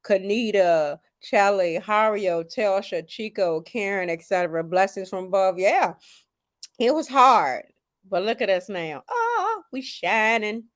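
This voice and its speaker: A tired woman, still recovering from chemo, hosts a casual live chat from home. She talks with a preacher's warmth and gratitude and turns emotional easily. Her voice sits at an ordinary pitch and sounds dry and close. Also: a little slow, no echo. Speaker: host.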